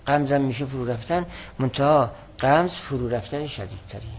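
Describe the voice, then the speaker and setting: A man's voice: medium pitch, slight background noise. Man teaching a classical text. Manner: explanatory, reads Arabic text slowly and louder.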